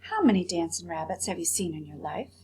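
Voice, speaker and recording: A woman's voice: fairly low pitch, very animated, fast, warm tone, breathy edge, exaggerated voice. A woman voicing a poor, determined young boy with folksy rural grammar in a storybook. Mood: eager, scheming. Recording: faint background hum.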